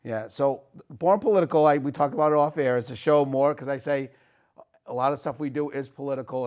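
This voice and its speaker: A man's voice: mid-range voice, darkish tone. Chatty man hosting an interview. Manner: chatty, rambling with restarts and fillers. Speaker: host. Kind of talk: casual interview.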